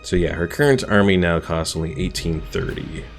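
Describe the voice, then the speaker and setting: A young man casually commentates a strategy game stream, thinking aloud and explaining the mechanics as he plays. His voice is deep with vocal fry and moves a little fast, and game music sounds in the background.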